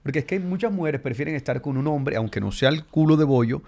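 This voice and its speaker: A man's voice: fairly high pitch, animated, fast talker, darkish tone. A man, a host asking teasing questions in a casual interview.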